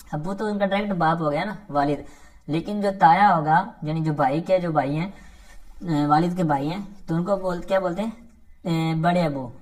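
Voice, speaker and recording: A man teaching an Arabic grammar lecture, often pausing to check in with his students and reciting scripture verses slowly and carefully. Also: sits high. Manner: keeps checking in with "theek hai" between points. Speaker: religious studies teacher.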